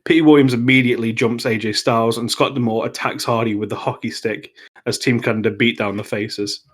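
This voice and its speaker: A man co-hosting a podcast, recapping wrestling matches in a relaxed, casual chat. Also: medium pitch, brisk, husky. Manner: relaxed, lays out match events play by play. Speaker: podcast co-host.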